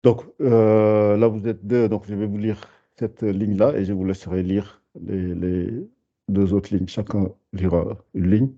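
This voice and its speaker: Male tutor on a video call, lowish mellow voice, hesitant with fillers, patient, slow over-articulated syllables, muffled lo-fi audio. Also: little pitch movement. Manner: hesitant, many fillers and restarts. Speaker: Arabic teacher. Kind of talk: online beginner lesson.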